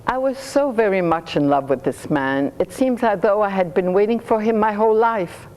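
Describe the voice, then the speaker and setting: A woman's voice: mid-range voice, normal speed, slight background noise, rough recording. Woman reading playful rhyming stories. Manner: lively, playful reading with chuckles. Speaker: storyteller reading her own stories. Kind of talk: storytelling in rhyming verse.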